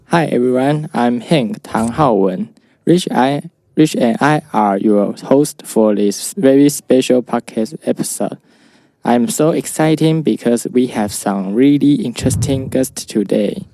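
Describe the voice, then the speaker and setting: A man's voice: medium pitch, measured pace, warm tone, no echo. A teenage boy from Taiwan co-hosting a school podcast, reading his lines from a script. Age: teens. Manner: reads from a script. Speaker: co-host.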